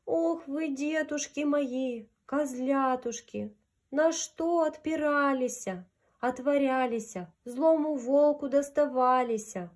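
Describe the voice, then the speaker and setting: A woman voicing a tender mother nanny goat from a storybook, in a drawn-out sing-song chant. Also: high-pitched, pitched above the performer's own voice. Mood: grieving lament.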